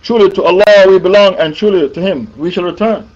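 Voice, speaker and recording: A man delivers a sermon in a high voice, stressing and repeating his key points. The recording is dull and lo-fi. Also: fairly quick. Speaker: preacher.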